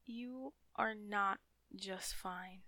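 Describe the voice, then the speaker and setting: Slow, soft-spoken woman with a gravelly edge. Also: medium pitch, dry recording. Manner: soft, soothing, often whispered. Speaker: loving partner in roleplay. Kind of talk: ASMR comfort roleplay.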